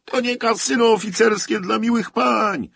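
A man voicing an irritable, harried army lieutenant colonel in an audiobook who shouts in a high, strained voice. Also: very animated, slow, husky, dry recording, exaggerated voice. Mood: angry.

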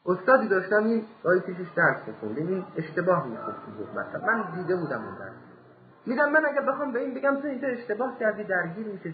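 A man giving a religious lecture, telling stories with lively acted dialogue and reciting scripture. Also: fairly high pitch, slight background noise. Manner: animated storytelling, acts out the characters. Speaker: cleric lecturer. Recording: echoey, phone-like lo-fi archive recording.

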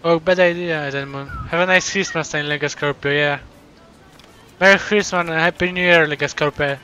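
Male live streamer, casual chat, slightly high and bright tone, grateful and excited, stumbles and repeats words. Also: moderate pace, faint music behind, poor audio. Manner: warm, thankful, excited.

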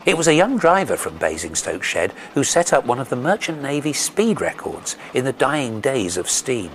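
A man's voice: medium pitch, sing-song, normal speed, noisy background. A man reading scripted documentary narration with polished, dramatic storytelling phrasing.

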